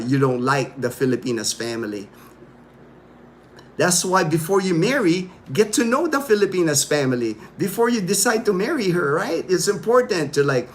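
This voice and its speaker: A man's voice: on the high side, a little hiss or hum. A man in his fifties, born in the Philippines, hosting a casual livestream and chatting loosely with viewers, full of fillers and asides. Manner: rambling, reads out viewer comments, many fillers. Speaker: livestream host.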